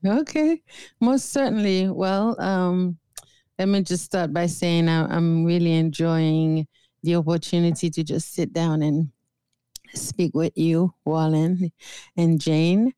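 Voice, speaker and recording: A woman's voice: on the low side, steady tone, takes it slowly, warm tone, smooth, dry recording. A middle-aged woman from Haiti, a therapist being interviewed, speaking thoughtfully with many fillers and restarts. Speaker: guest therapist. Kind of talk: interview conversation.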